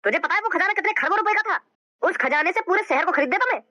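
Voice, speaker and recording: A woman voicing a greedy, threatening male crime boss in a cartoon, speaking slowly and heavily. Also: very high-pitched, animated, sharp tone, no room sound, heavily acted. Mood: menacing. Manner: threatening, slow and heavy. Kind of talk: cartoon voice acting.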